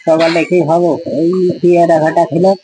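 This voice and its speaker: A man's voice: on the high side, monotone, brisk, warm tone, slightly rough, poor audio. An older homeless man answering questions in mumbled, hard-to-follow speech. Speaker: homeless man being helped. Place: outdoors on a street.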